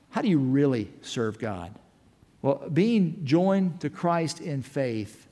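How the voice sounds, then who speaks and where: A man with a high voice preaches a fervent sermon, swinging from hushed, low lines to ringing shouts. His words echo with a long reverb through a church sanctuary. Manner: impassioned preaching, rising to shouts, rhetorical questions. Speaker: pastor.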